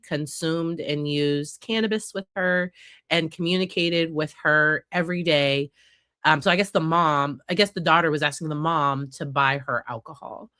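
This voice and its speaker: A woman psychologist hosts casual commentary on news cases, chatting conversationally with frequent fillers while congested and nasal from a head cold. Her voice is deep with a sharp tone. The recording is dry and studio clean.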